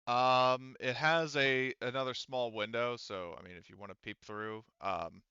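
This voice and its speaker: A man with a mid-range voice narrates as a game master, describing scenes and rulings in a casual, conversational way full of hedging explanations. His tone is steady, bright, forceful and clean, his pace measured, and the audio is slightly dull but without echo. It's informal tabletop game narration.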